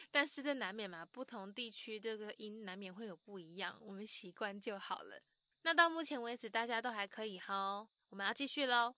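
A woman hosting a language-learning show, explaining pronunciation in a lively, teacherly way and saying example words slowly. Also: fairly high pitch, no room sound, studio quality.

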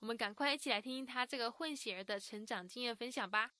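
Bright-voiced woman narrating recaps. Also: a little high, quick pace, dry recording. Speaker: podcast co-host.

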